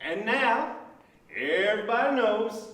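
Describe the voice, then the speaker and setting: A man playing a stubborn, cantankerous landowning father in a comic stage play, blustering and excitable with a Southern US accent. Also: high voice, takes it slowly, heavily acted. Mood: irritated. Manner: excitable, blustering, name-calling. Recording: echoey, noisy stage recording from far off.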